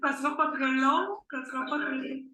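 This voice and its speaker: A woman's voice: high voice, moderate pace, crowd noise. A woman host with a Quebec French accent, heard as a delayed, echoed copy of her own words replayed from a livestream. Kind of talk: casual live-stream chat.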